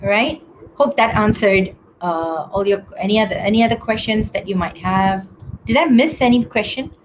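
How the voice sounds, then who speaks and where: A woman, answering questions in a business webinar over a video call, with many pauses and restarts. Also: medium pitch, noisy background. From Singapore. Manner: hesitant, many ums and restarts.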